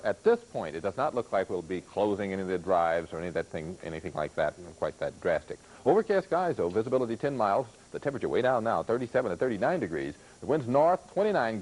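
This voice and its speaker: A male TV weatherman giving a live forecast in a chatty, ad-libbed way. His low voice moves quickly with lively swings in pitch. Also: poor audio. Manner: chatty, loose ad-libbed delivery. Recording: off-air 1980s TV tape.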